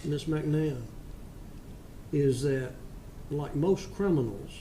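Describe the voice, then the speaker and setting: A man delivers sentencing remarks as a judge, stern and scolding with homely turns of phrase. His voice is slightly high and soft-edged, ringing in an echoey courtroom. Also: slow. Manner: stern, admonishing, folksy analogies. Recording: echoey courtroom with faint noise.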